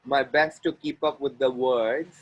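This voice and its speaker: An Indian man with an Indian accent facilitates an online group call from outdoors near the ocean. He guides listeners through clearing phrases with deliberate, chant-like repetitions. His mid-range voice stays steady, and the audio is dull.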